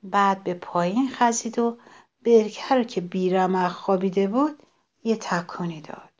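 A woman reading a story aloud to children, expressive and addressing them directly. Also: medium pitch, muffled recording.

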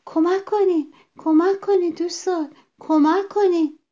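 A woman's voice: steady tone, mellow, muffled recording. A woman voicing a panicked rabbit parent crying out for help. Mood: frantic. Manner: shrill, frantic.

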